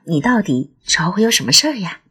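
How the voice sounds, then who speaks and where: A flustered young woman losing patience on the phone, as the narrator voices her. Her breathy, husky voice swings widely up and down as she pleads and scolds. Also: mid-range voice, very animated, a little fast, a bit bright, voice pushed down, exaggerated voice. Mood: exasperated. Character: exasperated young woman Xiaowan.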